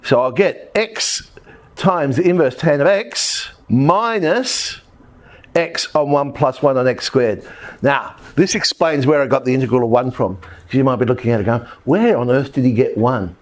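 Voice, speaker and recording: A man's voice: mid-range voice, expressive, normal speed. A man teaching a maths lesson, working through examples step by step and thinking aloud as he writes. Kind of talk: recorded maths lesson at a board.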